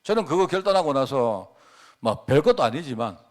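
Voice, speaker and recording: A man's voice: medium pitch, sing-song, normal speed. A middle-aged male pastor preaching a sermon, telling a personal story and throwing rhetorical questions at the congregation. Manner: personal storytelling with emphatic swells and drops.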